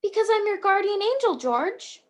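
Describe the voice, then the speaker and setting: A very high-pitched, bumbling guardian angel played by a woman in a radio play. The delivery is earnest and chatty, with a kindly eagerness to help. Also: big pitch swings, normal speed. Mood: earnest, cheerful. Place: at home on a video call.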